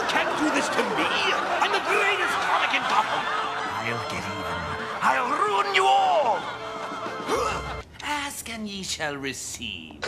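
The Joker, a cackling clown villain. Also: male voice, extremely high pitch, full character voice. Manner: giggling, sing-song, swings from purring to shrieking. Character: manic cackling male clown supervillain, theatrical and cruel. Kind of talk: animated series voice acting. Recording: loud cartoon soundtrack music under the voice. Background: orchestral score and sound effects.

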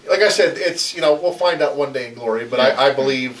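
A middle-aged man, a pastor, leading an animated Bible study at a lectern in a small church room, recorded by a distant camera. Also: medium pitch, fast talker. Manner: animated, gestures while teaching at a lectern. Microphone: far camera.

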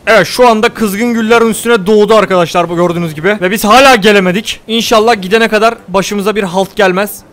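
Talking fast with few pauses, a young man with a high voice and fairly even intonation plays a survival game for his YouTube viewers. His commentary is comedic, narrating his actions while joking and shouting at the game.

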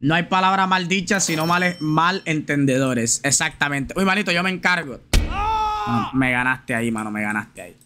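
A male live streamer talking loosely over gameplay, slangy and chatty, addressing his viewers directly. His voice sits a little high and rings bright and forward, with a faint hiss of noise under it. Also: expressive, normal speed. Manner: chatty, slangy, talks straight to viewers and reads chat aloud. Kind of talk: casual live gameplay chat.

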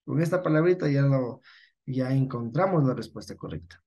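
A man's voice: medium pitch, animated, moderate pace, warm tone, lo-fi sound. Patient male teacher, Ecuadorian Spanish. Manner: patient, corrects himself often, checks with "¿sí?". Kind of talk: online class lesson.

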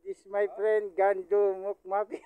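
A man's voice: high voice, fairly even intonation, slow pace, no echo, rough recording. A man vlogging casually as he walks home from work, chatty and narrating his day into a handheld phone. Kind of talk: casual self-narrated vlog. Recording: phone audio with vehicle noise.

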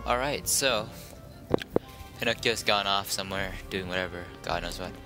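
Over game music, a young man with a deep voice plays a video game and offers casual, rambling, sardonic let's-play commentary at a moderate pace.

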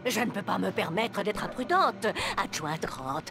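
A woman's voice: medium pitch, animated, measured pace, creaky, over music. Fussy, swooping-voiced woman. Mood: insistent, fretful. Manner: insistent. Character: fussy, cautious woman obsessed with light bulbs. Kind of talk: video game voice acting.

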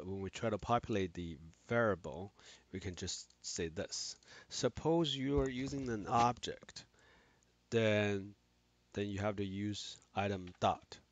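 A man explaining software in a screen-recorded tutorial, talking haltingly with many restarts and fillers. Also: fairly low pitch, no echo. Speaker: instructor.

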